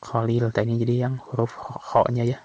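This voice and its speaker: A man teaching from an Arabic textbook in a casual way, reading phrases slowly and then explaining them quickly. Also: mid-range voice, monotone, a little mellow, dry recording. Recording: dull, slightly lo-fi sound.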